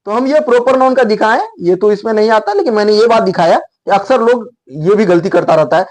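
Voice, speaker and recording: Man, high-pitched voice, grammar teacher, emphatic, repeats himself, spells out letters. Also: a little fast, a little mellow. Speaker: English teacher. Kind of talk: explaining grammar in Hindi, writing on a board.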